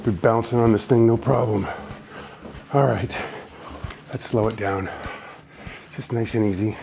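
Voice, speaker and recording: A man's voice: fairly low pitch, fairly even intonation, a little slow, creaky, noisy background. A man leading a beginner trampoline workout, giving encouraging cues and getting out of breath as he bounces. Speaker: fitness instructor. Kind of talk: guided workout instruction.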